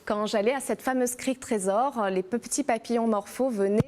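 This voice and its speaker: A woman from New Caledonia talks through her healing practice in an interview. Her voice sits a little high, and she hesitates often, with fillers and restarts. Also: fairly quick. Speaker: energy healer and massage therapist.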